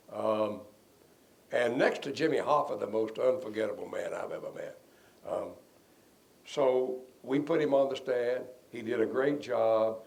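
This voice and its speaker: Older male lawyer, gravelly voice, folksy anecdotal interview delivery. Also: mid-range voice. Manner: rambling, relaxed storyteller who chuckles at his own stories. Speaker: defense lawyer being interviewed.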